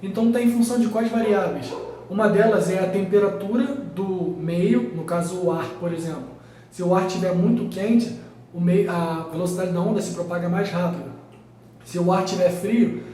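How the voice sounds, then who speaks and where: A man's voice: sits high, steady tone, a little fast, warm tone, slight background noise. A man with a Brazilian accent teaching a physics exam lesson at a whiteboard, explaining step by step and checking in often with his students. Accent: Brazilian Portuguese. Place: room with a whiteboard. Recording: very echoey room, mic far off.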